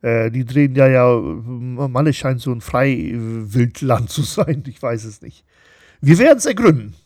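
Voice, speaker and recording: A man's voice: mid-range voice, fairly even intonation, unhurried, darkish tone, no echo, studio quality. A middle-aged man co-hosting a casual chat podcast, talking loosely with lots of fillers and tag questions. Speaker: podcast co-host.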